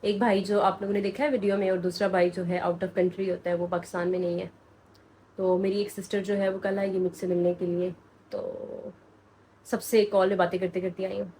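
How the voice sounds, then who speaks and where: A woman's voice: mid-range voice, little pitch movement, normal speed, mellow, a little hiss or hum, low-quality recording. Chatty Pakistani woman vlogging at home. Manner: chatty, coos affectionately at small children. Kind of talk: casual home vlog chat. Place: family home indoors.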